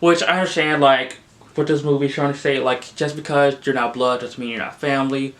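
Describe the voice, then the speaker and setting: Young male film vlogger, casual and exasperated, loose rambling delivery with lots of fillers, mid-pitched voice. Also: fairly even intonation, brisk, fairly bright tone. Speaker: film reviewer. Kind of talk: casual spoken movie review.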